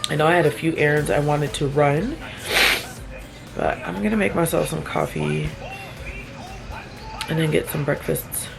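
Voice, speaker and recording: A young single mom talks casually through her weekend routine in a low, relaxed voice, sounding a little tired. She rambles, trails off and laughs at herself, with music playing clearly under her voice. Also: moderate pace, pauses often. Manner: chatty, rambling, self-deprecating with soft laughs. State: tired, yawning. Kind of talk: casual vlog narration.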